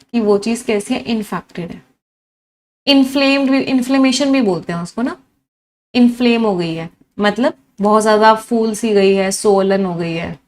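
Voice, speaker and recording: A woman teaching English vocabulary in a live online class, mixing Hindi and English, listing synonyms one after another and asking her students questions. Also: a little high. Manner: lively teacher who lists many synonyms and quizzes her students.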